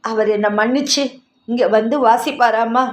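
A woman reading the lines of a frail, dying old father who speaks in halting, broken phrases. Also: fairly high pitch, steady tone, reverberant, close to an everyday voice. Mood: pleading.

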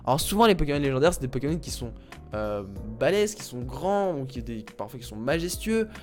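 A man's voice: mid-range voice, big pitch swings, brisk, darkish tone, soft background music. A young man talking casually about video game rumors, rambling with many fillers and repeated words. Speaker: gaming YouTuber.

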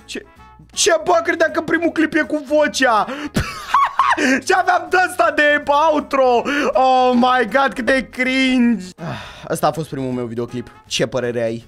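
An eighteen-year-old man giving excited reaction commentary as a YouTuber, with loud outbursts and banter with himself. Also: extremely high pitch, faint music behind.

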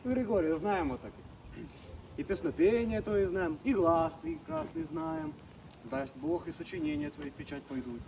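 Man acting a solemn old hierarch, lively high voice, off-mic. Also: moderate pace, creaky, distant mic, background noise, full character voice. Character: elderly metropolitan giving blessings. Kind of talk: historical theatre acting.

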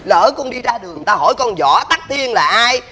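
A man's voice: extremely high pitch, quick pace, exaggerated voice. An actor playing a boastful, blustering father lecturing his son in a stage comedy sketch. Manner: blustering, animated. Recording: stage show with loud background noise.

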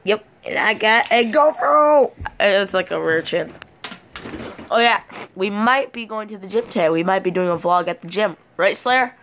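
A teenage boy vlogs casually from a cluttered bedroom, filming himself on a phone held at arm's length. His voice is high, animated and fairly bright at normal speed, and he's playful and rambling, humming filler sounds. There is slight background noise.

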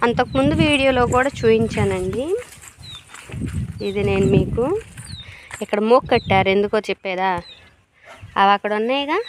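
A woman's voice: a little high, moderate pace, pauses often. Chatty woman vlogging outdoors. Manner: chatty, addresses viewers directly. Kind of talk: casual vlog narration. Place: outdoors on a farm field by a well. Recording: clear outdoor noise.

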